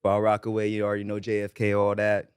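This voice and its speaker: Guy on a podcast, easygoing and upbeat, low smooth voice. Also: monotone, quick pace, no room sound. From Barbados. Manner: laid-back, upbeat, full of slang and "yes, sir". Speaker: guest, reggae artist. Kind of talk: casual interview chat.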